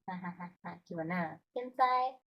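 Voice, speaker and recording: A woman's voice: on the low side, slow pace, highs cut off. A woman tutoring Mandarin, explaining patiently and often checking that her student follows. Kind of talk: online language lesson.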